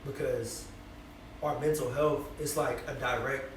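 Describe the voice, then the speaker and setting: A man's voice: mid-range voice, steady tone, a little slow. A man in his twenties with a Bay Area accent, a rapper guest talking loosely and reflectively, full of fillers. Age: 20s. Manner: loose, reflective, many fillers and "you feel me". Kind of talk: casual interview chat. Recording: echoey room, distant mic, noisy.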